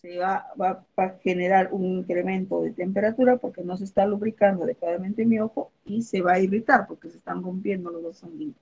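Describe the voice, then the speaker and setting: Woman, biology teacher, gravelly fry, muffled lo-fi sound; keeps asking "ok?" between points. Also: medium pitch, fairly quick, hardly any pauses, a little mellow. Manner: explains with everyday examples, checks in with "¿ok?" and "¿ya?". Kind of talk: online review lesson.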